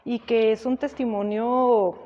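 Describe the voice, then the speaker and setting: A woman from Sinaloa, Mexico, giving a relaxed, conversational personal testimony. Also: a little high, slow pace, big-room sound, muffled recording.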